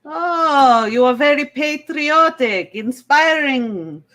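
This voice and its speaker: A woman's voice: high voice, lively intonation, slow, fairly bright tone, exaggerated voice. A woman voicing a dramatic Russian bachelorette with a put-on Russian accent in an improv dating-game sketch. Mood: haughty, coy. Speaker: contestant picking a band. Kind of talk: improv game-show comedy.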